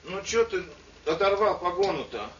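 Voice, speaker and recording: A man's voice: high voice, expressive, normal speed, distant mic. A man playing a dazed, meek lieutenant. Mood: mild, rambling. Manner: mild, pleading, rambling. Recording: echoey lo-fi room with clear noise.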